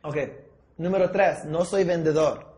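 Acting out objections with the people he is training in sales, a man blends in English words and checks often that they keep up. The echoey recording captures a rather high, steady, slightly mellow voice at a somewhat slow pace.

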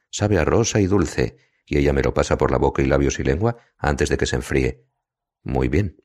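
Man with a very deep voice narrating. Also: a little mellow. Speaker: audiobook narrator. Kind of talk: first-person novel narration.

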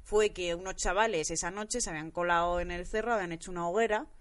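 A woman in her thirties with a Spanish accent from Spain, telling an animated story in casual chat and acting out the quoted voices. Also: on the low side, fast talker.

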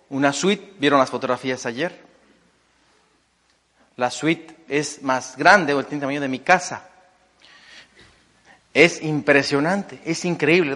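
Middle-aged Mexican man, motivational speaker, animated storyteller with a slightly high voice, heard with reverb in a big hall. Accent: Mexican Spanish. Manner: animated, enthusiastic storyteller, many fillers and rhetorical "¿no?". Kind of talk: storytelling talk to an audience.

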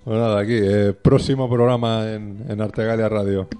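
A man hosting a radio show, relaxed and laughing as he wraps up. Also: lowish voice, moderate pace, clean tone, soft background music. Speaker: radio host. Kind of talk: casual radio chat.

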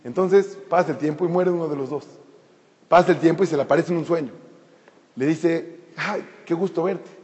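A man teaches a Torah lesson in a slightly higher voice that is dark, mellow and a bit husky. He tells the story freely, repeating words as he thinks and explaining terms along the way. The recording carries a long hall echo and sounds dull and lo-fi. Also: fairly quick, pauses often. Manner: explains Hebrew terms to listeners, adds a joke. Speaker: religious teacher.

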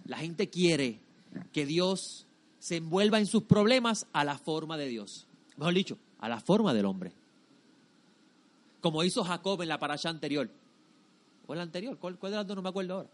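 A man's voice: on the high side, lively intonation, normal speed, pauses often. A man giving a sermon-like religious lesson to a group, emphatic and didactic, often repeating phrases and asking rhetorical questions. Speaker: religious teacher.

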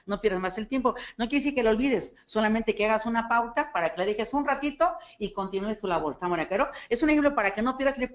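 A woman with a Mexican Spanish accent giving a motivational talk on network marketing, animated and acting out dialogue as she tells stories. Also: a little high. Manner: animated storytelling, acts out dialogue, asks listeners for agreement. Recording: dull lo-fi recording.

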